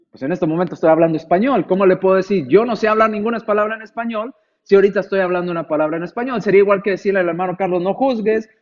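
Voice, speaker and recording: A man's voice: sits high, darkish tone, muffled recording. A man preaching a conversational sermon, asking rhetorical questions and acting out imagined replies from listeners.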